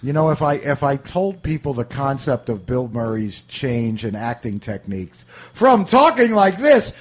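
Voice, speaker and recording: A man's voice: mid-range voice, normal speed, a little mellow. A middle-aged man hosting a radio show, chatting casually about films with rambling, wisecracking remarks and profane asides. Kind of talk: casual film chat.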